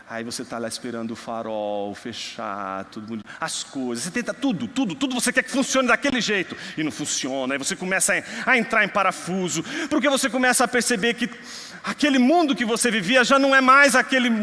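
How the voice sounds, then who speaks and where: A young man from Brazil preaching a sermon, moving between quiet storytelling and loud, emphatic passages. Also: sits high. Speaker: pastor. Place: church hall. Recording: long hall reverb.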